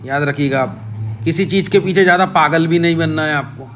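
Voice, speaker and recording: A man's voice: fairly high pitch, a little fast, a bit bright, a little hiss or hum. A man hosting an astrology talk, addressing the viewer directly, repeating short advice phrases and checking in with "okay?". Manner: repetitive, direct address to viewer with frequent "ठीक है?". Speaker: astrology channel host. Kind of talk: casual astrology explainer.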